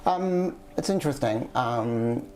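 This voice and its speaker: A man in his fifties from Japan, with a Japanese accent, speaking haltingly with many pauses as an interview guest. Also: mid-range voice, expressive, warm tone. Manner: hesitant, halting, many ums and restarts. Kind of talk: casual interview.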